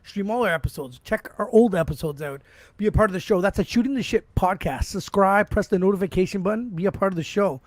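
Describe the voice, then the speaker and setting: Fast-talking high-voiced male host. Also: dry recording. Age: middle-aged. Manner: fast, joking, profane, stumbling restarts. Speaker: podcast host. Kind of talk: casual podcast banter.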